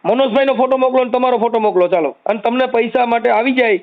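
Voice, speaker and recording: A man giving calm, reassuring advice on a phone call, often repeating soothing phrases. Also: extremely high pitch, quick pace. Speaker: social media activist taking calls. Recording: tinny phone line.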